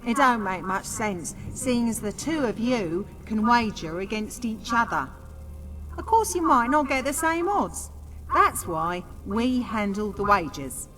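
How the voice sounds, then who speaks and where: A woman's voice: fairly high pitch, sing-song, unhurried, a bit bright. A woman playing a shrewd, plainspoken bookmaker at a fight pit in a fantasy video game. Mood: wry, worldly. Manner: folksy, plainspoken. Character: brisk shrewd female fight-pit bookmaker, daughter of a gambler. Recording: hall reverb, faint noise.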